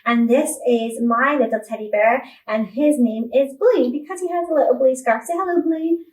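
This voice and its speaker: High-pitched woman, kids show host in echoey room. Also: moderate pace, a little mellow. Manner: sing-song, exclaiming and encouraging, addressing young children. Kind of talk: kids show host presenting songs and rhymes. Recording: roomy echo, distant mic, faint music.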